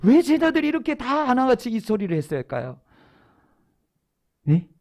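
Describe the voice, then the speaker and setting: Lively preacher with a swinging pitch. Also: normal speed, creaky. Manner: lively storytelling, asking the congregation questions and answering them. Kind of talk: sermon. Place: church sanctuary.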